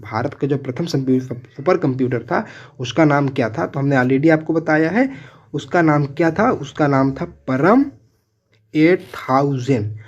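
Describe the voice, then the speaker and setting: A man's voice: fairly high pitch, expressive, normal speed, lo-fi sound. A man teaching an exam-prep lesson in quiz style. He reads out each question and its options, then says the answer again and again and calls his listeners friends. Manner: asks each question, then repeats the answer several times; addresses viewers as friends.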